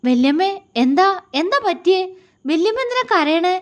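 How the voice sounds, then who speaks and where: A woman's voice: high-pitched, expressive, moderate pace. A woman voicing a caring, serious young man who speaks earnestly and firmly. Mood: worried.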